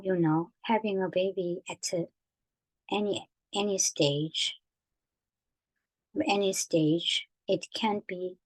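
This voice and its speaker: A woman's voice: lowish voice, rough recording. A tender, hesitant mother. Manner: soft, hesitant, halting with repeated words. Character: tender, anxious mother of a teenage daughter. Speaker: mother in a family drama. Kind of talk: television drama acting.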